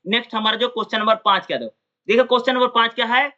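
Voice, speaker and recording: A man teaching an exam-prep lecture, repeating points and quizzing his listeners with quick questions. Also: very high-pitched, bright, forceful tone. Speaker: exam tutor. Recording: dull lo-fi sound.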